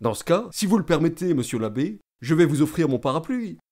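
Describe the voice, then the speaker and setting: A man's voice: on the high side, very animated, brisk, a little mellow, pitched above the performer's own voice. A man voicing a pompous, talkative middle-aged state councillor who lectures and boasts eagerly. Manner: self-important, eager, lecturing.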